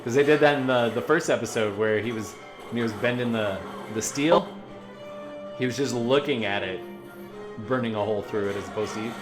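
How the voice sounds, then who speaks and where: Music plays in the background as a man with a mid-range voice reacts to a cartoon. He chats casually and thoughtfully, dropping halting asides.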